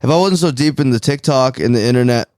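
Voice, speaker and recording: A man's voice: mid-range voice, fast talker, a little mellow, dry recording, clean studio sound. A young man from Maine co-hosting a podcast in casual chat, swearing often and talking with emphasis. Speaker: podcast co-host.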